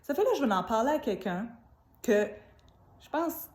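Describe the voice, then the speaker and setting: A woman's voice: fairly high pitch, expressive, moderate pace, darkish tone. A woman with a Québécois French accent giving an informal spiritual talk, chatty and earnest, speaking straight to her viewers. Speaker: spiritual teacher. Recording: roomy echo.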